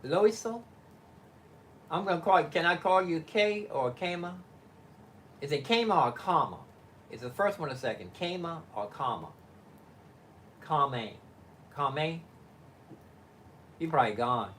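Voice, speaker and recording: A man's voice: on the high side, animated, fairly bright tone, a little hiss or hum. Older man rambling through a home-studio stream. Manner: meandering and halting, thinking aloud with many fillers and restarts. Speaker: musician live-streaming from his home studio. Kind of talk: rambling live-stream chat. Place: home living-room studio.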